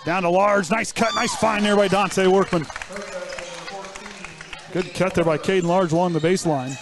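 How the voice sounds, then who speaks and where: A play-by-play announcer, his voice a touch high for a man, calls a high school basketball game live from a school gym. He speaks at a moderate pace with fairly even intonation, and between plays he jokingly teases his co-hosts.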